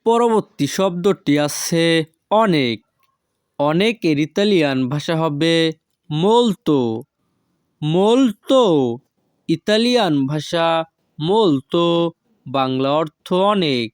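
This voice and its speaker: A man with a fairly high voice teaches vocabulary in a very slow, measured drill. He stretches each foreign word out with care and repeats it. His voice sounds dry and close, with no room around it. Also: lively intonation, clear, resonant tone, dry recording. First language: Bengali. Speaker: language teacher.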